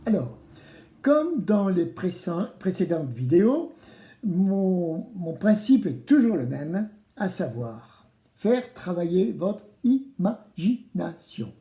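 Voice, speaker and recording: Children's DIY presenter: playful, theatrical, very lively intonation, soft-edged tone, addressing kids directly, recorded in an echoey room. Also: medium pitch, slow pace. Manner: playful, theatrical, exclamatory, asks the children to answer. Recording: roomy, echoing indoor sound.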